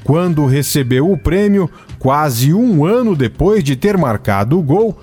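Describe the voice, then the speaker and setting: A man with a Brazilian accent reading scripted documentary narration in a measured way with dramatic pauses. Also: a little high, expressive, darkish tone, soft background music. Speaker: TV report narrator.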